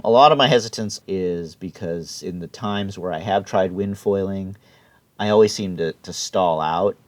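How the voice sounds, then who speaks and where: A man with a low voice speaks to his vlog audience in an explanatory, unscripted way. He thinks aloud, stopping often on fillers before picking up again. The sound is close and dry, with very little room in it. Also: no room sound. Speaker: vlogger, amateur wind sports rider.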